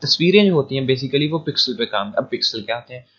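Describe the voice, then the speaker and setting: Bright-voiced man giving a chatty tutorial. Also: mid-range voice, animated, fast talker, highs cut off. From Pakistan. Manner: chatty, repeats points, keeps adding "theek hai". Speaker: online lecture tutor. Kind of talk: informal screen-recorded lecture.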